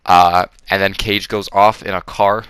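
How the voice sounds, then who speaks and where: A man's voice: low voice, flat delivery, unhurried, a bit bright, clean tone, no echo. A man giving a casual, rambling, profane spoken review of a film, full of fillers and restarts.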